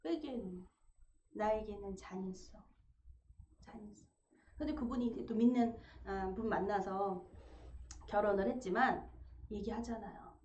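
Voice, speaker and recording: A woman preaching a sermon, animated, acting out quoted quarrels with sharp rises in her voice. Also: medium pitch, moderate pace, long pauses. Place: church sanctuary. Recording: echoey church room, dull sound, faint noise.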